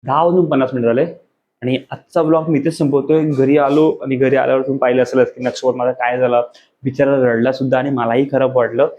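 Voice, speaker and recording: A man's voice: mid-range voice, level tone, fast, a little mellow, muffled recording. A man in his thirties, a father talking casually to his vlog camera at home at night. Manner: coaxing, soothing talk to a child. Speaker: vlogger, father.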